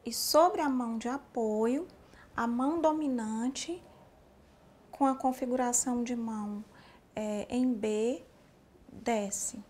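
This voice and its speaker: Slow, explanatory woman teaching signs. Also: fairly high pitch, a little mellow. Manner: slow, explanatory, addressing the learner directly. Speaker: sign language teacher. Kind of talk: spoken instruction for a sign language lesson.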